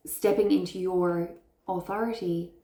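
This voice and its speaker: A woman's voice: lowish voice, fairly even intonation, unhurried, warm tone, reverberant. A woman giving an intuitive tarot reading to her viewers, speaking in an earnest, affirming way and heaping praise on them. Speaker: tarot reader.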